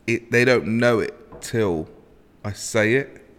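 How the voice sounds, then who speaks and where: A young man who is a stand-up comedian, chatting casually with a relaxed, dry delivery. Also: lowish voice, slow. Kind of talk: casual chat. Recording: reverberant room.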